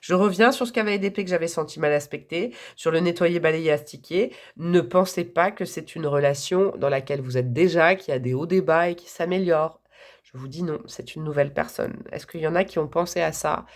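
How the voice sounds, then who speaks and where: Chatty hoarse woman reading tarot. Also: low-pitched, a little fast. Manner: chatty and enthusiastic, laughs often. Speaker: tarot reader. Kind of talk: casual tarot reading to viewers.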